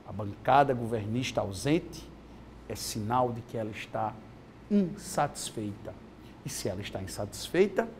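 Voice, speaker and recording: Um homem que faz comentários políticos opinativos num telejornal matinal, falando de forma enfática. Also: male voice, medium pitch, a little mellow, slight background noise. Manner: emphatic, rising and falling for emphasis. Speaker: political commentator on a morning TV news show. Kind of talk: opinionated political commentary.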